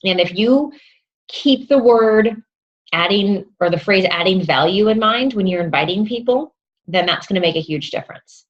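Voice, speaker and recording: A woman's voice: mid-range voice, animated, moderate pace, muffled recording. A woman fitness coach giving upbeat, encouraging advice to new coaches, often checking in with her listeners. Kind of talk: instructional talk to new coaches.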